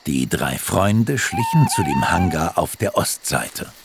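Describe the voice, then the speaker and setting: A man's voice: low-pitched, huge pitch swings, slow, gravelly, noisy background, heavily acted. A man narrating a children's detective audio drama as a suspenseful storyteller.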